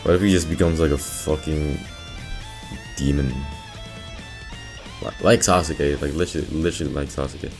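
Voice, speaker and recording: A young man giving excitable, profane commentary while playing a video game. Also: very deep voice, normal speed, long pauses. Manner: excitable, profane, reacting loudly. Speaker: let's play host. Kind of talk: gaming commentary. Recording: music playing clearly behind. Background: game music.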